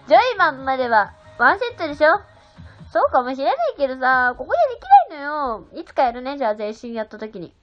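A young woman with a high, expressive voice chats casually on a livestream at a fairly quick pace, giggling as she answers viewer comments. The stream audio is dull and lo-fi, with faint music behind her.

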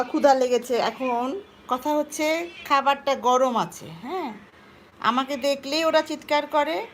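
A woman's voice: high-pitched, a little hiss or hum. Chatty woman coaxing her cats. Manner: coaxing baby talk to pets, chatty asides to viewers. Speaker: vlogger talking to her cats. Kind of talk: casual live vlog chat. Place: home indoors by a sliding glass door.

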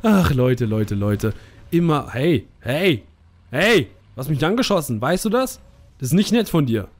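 A man's voice: fairly high pitch, big pitch swings, unhurried. A young man casually commenting on a tank game he is playing, joking, teasing opponents and repeating words in a sing-song way. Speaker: gaming streamer. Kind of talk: casual let's play commentary.

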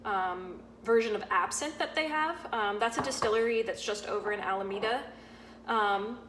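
A young woman, a sous chef, explaining a cooking demonstration step by step in a relaxed way, with frequent ums. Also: medium pitch. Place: home-style kitchen, indoors. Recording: echoey kitchen with audible background noise.

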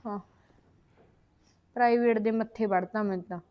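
A woman's voice: mid-range voice, steady tone, moderate pace, dull audio, close to an everyday voice. A young woman playing a spoiled newlywed wife who whines and complains about her in-laws. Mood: complaining. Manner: whining, complaining, quarrelsome. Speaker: actor in a short film. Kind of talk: village short-film acting.

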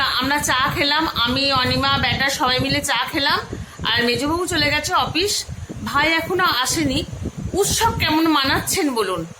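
A chatty middle-aged vlogger talks to her viewers like friends, constantly posing questions to them as she films at home in the kitchen and dining room. Her voice is high-pitched, and the background is noisy.

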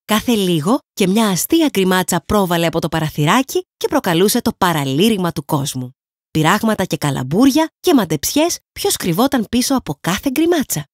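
A woman from Greece reading a children's audiobook in lively, expressive scripted narration. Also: mid-range voice, no echo. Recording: dry close studio sound.

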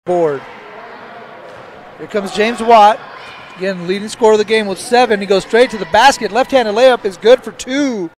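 A man's voice: high-pitched, moderate pace, slight background noise. A man calling basketball play-by-play, following each pass and shot. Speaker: play-by-play commentator.

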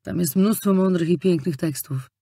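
A woman's voice: fairly low pitch, normal speed, warm tone, husky, no echo. A woman voicing a polite young man, the narrator's fiancé, who sounds a little taken aback. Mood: earnest.

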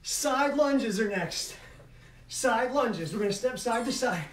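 High-pitched male aerobics instructor, urging. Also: lively intonation, slow pace. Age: middle-aged. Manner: urging, motivating, calling out over exertion. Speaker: fitness instructor leading a home workout. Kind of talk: aerobics instructor calling out moves. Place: carpeted living room at home. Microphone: camera several metres away. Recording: echoey room, distant mic, noisy.

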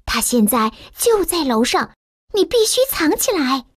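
A woman voicing a nervous servant of a giant in a children's story, giving hushed, urgent warnings. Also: high voice, very animated, a little slow, no room sound, clean studio sound, voice pushed up.

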